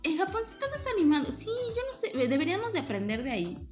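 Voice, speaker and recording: A woman in her forties with a Mexican accent, a podcast host chatting casually and telling lively, laughing anecdotes with acted-out voices. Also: very high-pitched, fast talker, soft background music. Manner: lively storyteller, laughs often, acts out voices. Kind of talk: casual chat.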